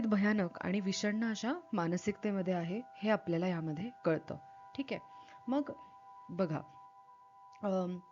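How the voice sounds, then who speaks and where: A woman reading a novel aloud with expressive, dramatic delivery, then explaining it as a literature teacher. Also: medium pitch, lo-fi sound.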